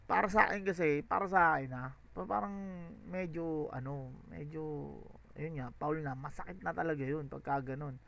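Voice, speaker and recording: Man, high voice, reaction host, casual, excitable, halting when he muses. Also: vocal fry. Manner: excitable, exclaiming and swearing, then hesitant and halting when musing. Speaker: music reaction video host.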